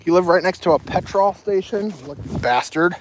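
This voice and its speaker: There's slight background noise as a young adult woman, walking outside with a packed backpack, chats to her livestream viewers and rambles between topics. Her voice leans low and her pace is moderate.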